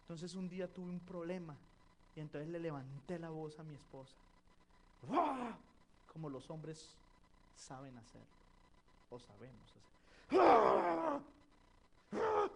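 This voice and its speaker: A man from Colombia, a pastor preaching a sermon, telling stories and acting out dialogue, swinging from quiet to loud. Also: fairly high pitch, moderate pace. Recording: live church stream with faint noise.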